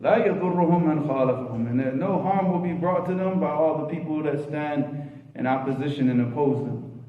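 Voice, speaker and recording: A man's voice: a little high, fairly even intonation, moderate pace. A man teaching a religious lesson informally, switching between English and Arabic as he reads, explains and puts questions to his listeners. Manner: repeats phrases and questions listeners rhetorically. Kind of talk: informal lecture reading and explaining a religious text. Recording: roomy echo, thin phone-like sound.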